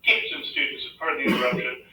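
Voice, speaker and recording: A man making a polite, instructive announcement over a school intercom loudspeaker. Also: a little high, wildly swooping pitch, quick pace, a little hiss or hum. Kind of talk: public address announcement. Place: classroom, heard over the PA. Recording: echoey loudspeaker heard from far off.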